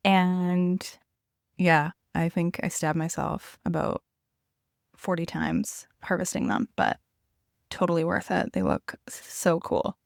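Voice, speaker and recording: A woman's voice: deep voice, vocal fry, no room sound, clean studio sound. A woman podcast host chatting casually in a solo intro, recorded inside a small RV trailer.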